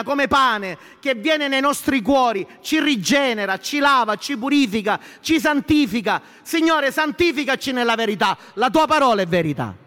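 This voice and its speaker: A man's voice: very high-pitched, bright, forceful tone. A male pastor preaching a sermon, building emphasis with rhetorical questions, in an echoey hall.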